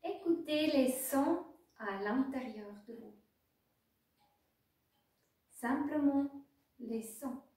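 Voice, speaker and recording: A mellow, high-voiced woman leads a guided meditation as a yoga nidra teacher, speaking very slowly. Her directions arrive in short phrases with pauses between them. The sound is very echoey, picked up from a distance.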